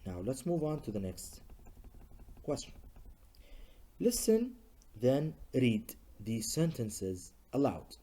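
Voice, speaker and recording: A male English teacher giving a recorded lesson to students, talking slowly and patiently and saying each example sentence several times. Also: mid-range voice, mellow. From Libya. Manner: slow, patient, models sentences by repeating them.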